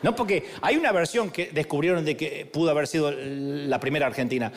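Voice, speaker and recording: A man's voice: a little high, fairly quick, background noise. A man preaching a sermon in a humorous, storytelling way, acting out the voices of the people in his stories.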